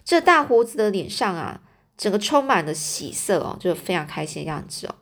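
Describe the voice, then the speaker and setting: A woman telling a story aloud in a chatty, halting way, stopping to explain words. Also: mid-range voice, big pitch swings.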